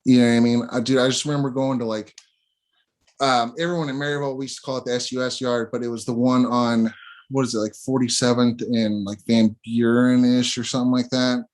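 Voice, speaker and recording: A man's voice: medium pitch, level tone, a little fast. A man hosting a casual interview, talking in a laid-back way with lots of slang fillers. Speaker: interview host.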